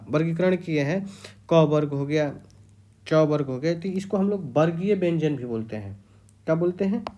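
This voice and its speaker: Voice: mid-range voice, warm tone. A teacher giving an exam-prep grammar lecture, repeating key terms and quizzing the students.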